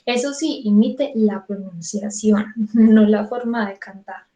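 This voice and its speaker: A woman's voice: mid-range voice, slow pace, mellow. A woman with a Colombian Spanish accent giving an online singing lesson. She talks in a chatty way, acts out her students' thoughts and repeats words for emphasis. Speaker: vocal coach. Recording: echoey room.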